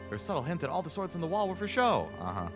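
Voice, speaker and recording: A man's voice: a little high, big pitch swings, rapid-fire. A man giving casual live commentary as he streams a video game. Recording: game music behind.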